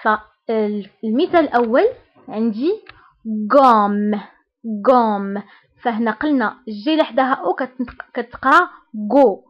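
Moroccan woman teaching french vowels, says each word twice, kinda high voice, muffled lo-fi sound. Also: lively intonation. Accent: Moroccan Arabic. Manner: spells out vowel pairs and repeats example words slowly. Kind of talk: slow explanatory language lesson.

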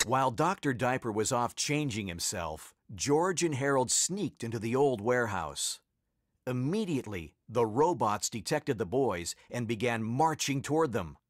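A man narrating a children's storybook, playful and expressive, his pitch moving widely through each line. The recording is close and dry, with no room sound. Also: moderate pace, dry recording.

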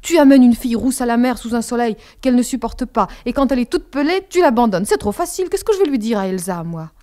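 A woman's voice: steady tone, a little mellow, natural voice. A woman voicing an indignant teenage girl. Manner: fast, heated, high-pitched outbursts. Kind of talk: audiobook dialogue reading.

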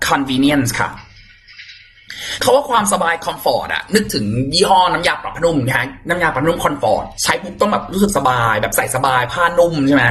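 A man teaching English vocabulary in a casual, playful lesson, chatting warmly and repeating and spelling out words for his students. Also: on the high side, big pitch swings, normal speed. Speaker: English exam tutor.

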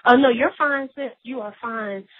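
A woman's voice: a little high, normal speed, no room sound. A woman appearing as a guest on a faith talk show, speaking in an earnest, confessional way as she shares her experiences. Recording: dry, tinny phone-line sound.

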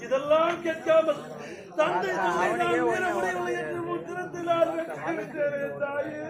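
An actor playing Parasurama, a stern young warrior son with an axe, in a village stage drama, declaiming formally and shouting questions. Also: male voice, very high voice, steady tone, normal speed, a loud crowd. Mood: grieving. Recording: echoey live stage with loud music.

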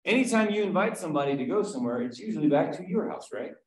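A man's voice: a little high, expressive, quick pace. A man teaching an online Bible study in a chatty way, often asking the group questions and checking in with "right?". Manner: conversational, asks the group questions, frequent "right?". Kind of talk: casual Bible study teaching on a video call. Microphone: video call. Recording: very echoey room.

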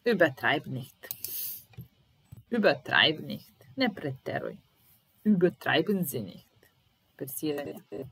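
Slow, low-voiced woman teaching German. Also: very animated, a bit bright, slightly rough. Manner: repeats German sentences then translates, patient. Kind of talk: slow language lesson.

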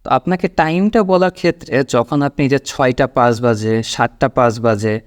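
A man teaching a spoken English lesson, saying example sentences slowly and drawn out. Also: medium pitch, no room sound, clean studio sound.

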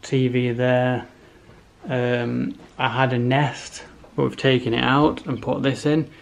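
Flat and slow, a man in his 30s with a mid-range voice talks to his camera while walking from room to room inside a house. The chat is casual, rambling, and matter-of-fact, recorded on a handheld camera at arm's length with noticeable background noise.

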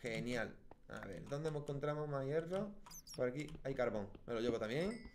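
A gaming YouTuber from Spain, speaking with a Spanish accent in an animated, slightly mellow voice at normal speed, gives casual Let's Play commentary. He chats to himself and his viewers and lets out high yelps whenever he dies, with a little hiss or hum in the audio.

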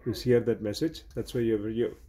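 A fast-talking man with a fairly low, fairly even voice teaches hands-on how equipment works, technician-style, going step by step and repeating points. Crowd noise can be heard behind him.

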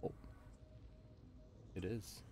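A man streaming a game live, chatting casually and playfully, thinking out loud and humming nonsense syllables while he plays. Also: drawn-out words, slight background noise. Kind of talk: casual live gameplay chat.

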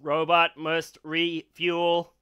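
Metallic robot voice, clipped and glitchy. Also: male voice, on the high side, very slow, very noisy. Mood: flat robotic. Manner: clipped, monotone announcements, rising to frantic alarms. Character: malfunctioning beer-fuelled robot, male. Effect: robot voice changer.

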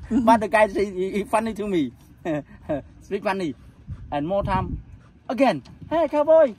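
A man's voice: sits high, a little slow, a little mellow, breathy edge. A Cambodian man in his forties, a tuk-tuk driver, telling stories in broken English with a Cambodian accent, laughing often and acting out the voices of people he quotes. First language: Khmer. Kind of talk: casual storytelling interview.

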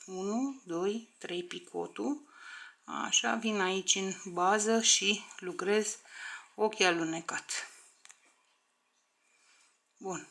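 A woman's voice: medium pitch, vocal fry, pauses often, fairly bright tone. A woman teaching a crochet tutorial step by step, counting stitches aloud, often under her breath, and checking in with viewers.

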